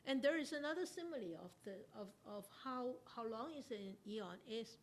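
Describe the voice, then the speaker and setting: A Buddhist nun giving an interactive Dharma talk to a study class, unhurried, questioning her listeners and laughing often. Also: a little high, expressive.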